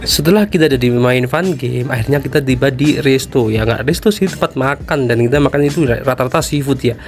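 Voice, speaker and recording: A man's voice: mid-range voice, brisk. A man from Indonesia narrating his travel vlog in a chatty, joking way, talking straight to his viewers. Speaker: vlogger. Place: outdoors on a boat trip. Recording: music playing over the voice. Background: background music.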